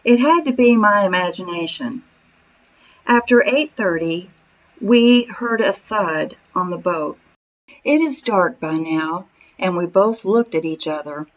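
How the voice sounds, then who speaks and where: A woman's voice: lowish voice, expressive, unhurried. Woman narrating a boat diary, slightly dull sound. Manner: storytelling, reading from a script. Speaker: vlog narrator. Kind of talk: scripted voice-over narration.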